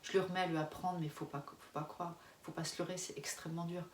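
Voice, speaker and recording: She's a fast talker: a French woman in her forties who runs an expat family vlog, rambling frankly to camera, often starting over and laughing. The tone stays steady and the voice low-ish, while the distant mic catches room echo and a soft ambient hum.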